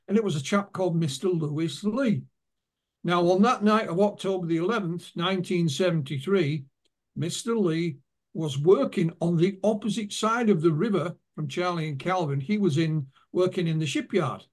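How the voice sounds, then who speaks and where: A man with a high voice speaks at a moderate pace as an author and guest in an interview. He tells anecdotes and passes on what witnesses told him.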